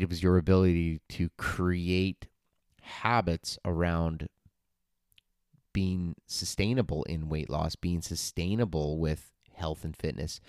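On his solo podcast, a forties-aged man who works as a fitness coach chats casually in a very deep, smooth, resonant voice with a darkish tone. His manner is earnest and encouraging, full of fillers and restarts. It's recorded close and dry, without any echo.

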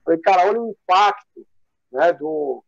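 A man's voice: high voice, lively intonation, normal speed, vocal fry, no room sound, lo-fi sound. A man being interviewed as an athlete. He tells stories casually and with energy, rambling and using many fillers. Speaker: guest athlete.

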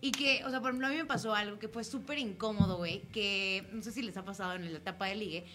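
A woman's voice: mid-range voice, fast. A young woman with a Mexican accent, co-hosting a podcast in a chatty, slangy way, laughing often. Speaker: podcast co-host. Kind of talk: casual chat.

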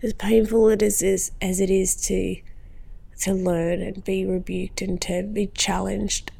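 A woman's voice: medium pitch, level tone, measured pace, vocal fry, mellow, slightly rough. Woman, podcast guest, earnest, heartfelt, rambling, lots of fillers. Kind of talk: casual interview talk about faith.

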